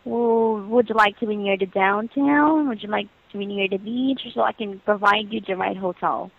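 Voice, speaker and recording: A woman with a mid-range voice and some vocal fry speaks at a normal speed, with no echo. As a hotel booking agent, she stays polite and patient, using formulaic customer-service phrases on a muffled, lo-fi call over a telephone line.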